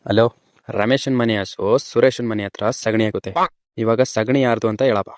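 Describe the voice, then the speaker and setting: A man's voice: lowish voice, fairly even intonation, a little fast, darkish tone, dry recording, studio quality. A man posing silly trick riddles in a comedy bit.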